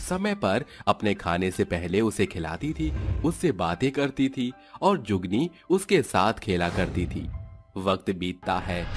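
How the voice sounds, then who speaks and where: Lively male story narrator over music. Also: on the low side.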